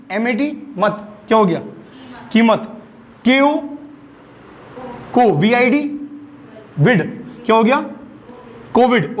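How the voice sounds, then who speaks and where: A man teaching English phonics, spelling words letter by letter and asking repeated questions. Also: very high voice. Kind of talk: phonics lesson. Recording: dull lo-fi recording.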